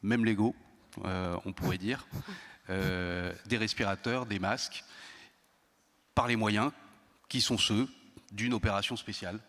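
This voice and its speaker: A man speaking on a conference round-table panel, measured and hesitant, with frequent pauses and restarts. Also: lowish voice, steady tone, a bit bright. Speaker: intelligence service panelist. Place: conference hall. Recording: long hall reverb.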